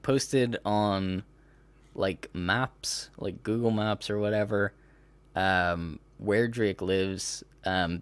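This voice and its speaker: Low-voiced rambling podcast man. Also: a bit bright, no echo. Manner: rambling, laughing, with mocking impressions. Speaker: podcast host. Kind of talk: casual chat.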